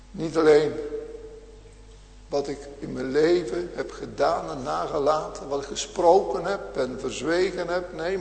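Male pastor, slow repetitive preaching, roomy church sound. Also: fairly high pitch, creaky, darkish tone. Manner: slow, swelling preaching cadence with repeated phrases. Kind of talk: sermon. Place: large church hall. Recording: echoey church, long reverb.

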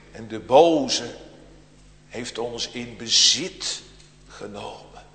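Male preacher, slow and solemn, dramatic swings from loud to hushed, long church echo. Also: mid-range voice. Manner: swings between loud emphatic calls and hushed near-whispers; solemn, deliberate phrasing with dramatic pauses. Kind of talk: sermon.

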